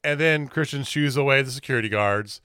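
A man's voice: medium pitch, fairly quick, clear, resonant tone, no room sound, clean studio sound. A man co-hosting a podcast, retelling a wrestling segment in casual chat, acting out quotes and laughing often. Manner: animated storyteller, laughs often, acts out quotes. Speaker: podcast co-host.

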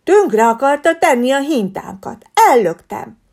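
Mackó Misi, a woman doing a loud bear boy. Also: high voice, sing-song, vocal fry, breathy edge, pitched above the performer's own voice, exaggerated voice. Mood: indignant. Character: honest, stubborn bear boy schoolkid.

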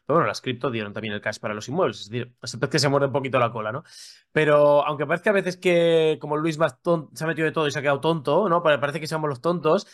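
A man's voice: fairly high pitch, fast. A man co-hosting a casual podcast, who breaks in with chatty asides. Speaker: podcast co-host. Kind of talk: casual chat.

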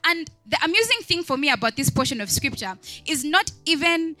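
Woman, deaconess, conversational sermon, bright and lively tone, chatty asides, questions to the congregation. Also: high-pitched, a little fast, dry recording, soft background music. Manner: chatty, many "like" and "right?" asides. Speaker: deaconess preaching.

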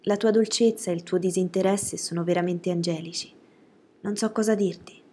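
A woman voicing a frank, sharp-witted young woman, speaking low, hushed and breathy with pointed judgements. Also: fairly even intonation, a little fast. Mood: tender.

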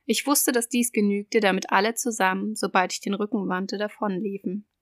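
A woman narrating a dark tale in the first person, in a measured, controlled, coldly deliberate way. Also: medium pitch, steady tone, no echo, studio quality. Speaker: audiobook reader.

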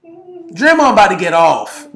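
A man co-hosting a casual sports talk podcast, talking with rising excitement. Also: fairly high pitch, roomy sound. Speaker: podcast co-host.

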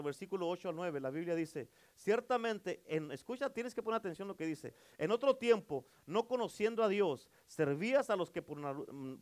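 A male pastor preaching a sermon, emphatic, calling for amens and swinging between loud and soft. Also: high-pitched.

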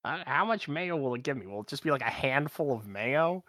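A man's voice: mid-range voice, expressive, fairly quick, pushed and bright, no echo, studio quality. A man playing a tabletop game, joking crudely and talking casually. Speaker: player. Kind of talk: tabletop role-play chat. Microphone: home podcast mic.

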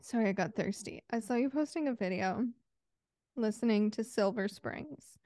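A woman co-hosting a podcast in casual chat, playful and quick to laugh. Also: medium pitch, lively intonation, warm tone, dry recording, studio quality. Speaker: podcast co-host.

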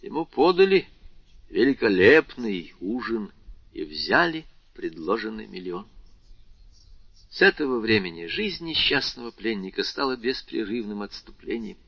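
A man narrating a classic novel as an audiobook in a measured, dramatic reading. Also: on the low side, very animated, creaky, slightly rough, dry recording. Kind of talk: scripted literary narration. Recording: slightly muffled dry recording.

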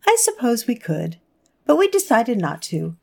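A woman playing a stern but fair older spinster who speaks in a firm, measured way. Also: fairly high pitch, huge pitch swings, creaky, a little mellow, exaggerated voice. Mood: calm.

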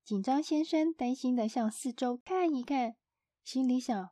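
A woman narrating a children's storybook in a gentle, expressive storytelling manner. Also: high-pitched, unhurried, no echo.

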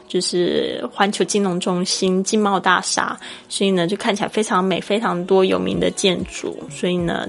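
A woman's voice: medium pitch, gravelly. A woman from Taiwan with a Taiwanese Mandarin accent, hosting a podcast English lesson in a chatty, explaining way and spelling words out letter by letter. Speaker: English teacher and podcast host.

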